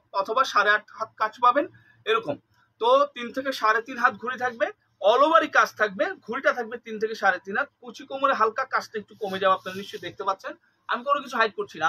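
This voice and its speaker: A man from Bangladesh, chatting through a live sales pitch for sarees, repeating details and slipping English words into his talk. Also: pushed and bright, breathy edge, low-quality recording. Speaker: saree seller on a live stream.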